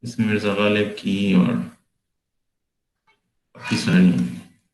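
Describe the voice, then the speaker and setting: A man tutoring on poetic meter, explaining slowly and patiently with many pauses during a screen-share session. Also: on the low side, flat delivery, a little mellow, reverberant, a little hiss or hum, rough recording. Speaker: tutor explaining Urdu prosody software.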